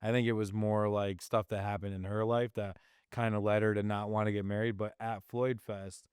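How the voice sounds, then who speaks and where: Smooth-voiced male podcast host, lively storyteller. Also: lowish voice, normal speed, no room sound, clean studio sound. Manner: animated, laughs often, acts out quoted voices. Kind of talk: casual storytelling chat.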